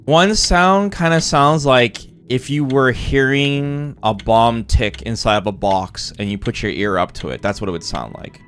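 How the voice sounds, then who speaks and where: A man's voice: medium pitch, unhurried, hardly any pauses, a bit bright. A man streaming a co-op puzzle game, thinking aloud and laughing often as he talks to his partner. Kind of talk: casual co-op game chat.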